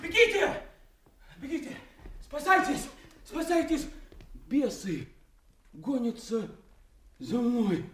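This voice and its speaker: Casting: shrieking, frenzied beggar madman, high-pitched, theatrical tragedy, echoing room. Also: sing-song, extremely slow, pauses often, warm tone, heavily acted. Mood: panicked frenzy. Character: frantic mad beggar who believes fiends chase him. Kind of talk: theatrical classical tragedy acting. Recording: echoey room.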